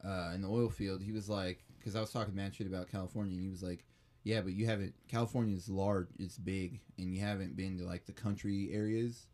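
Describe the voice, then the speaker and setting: A man's voice: low voice, flat delivery, brisk, dark tone. A man hosting a podcast, rambling in casual chat, laughing often and swearing freely. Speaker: podcast host.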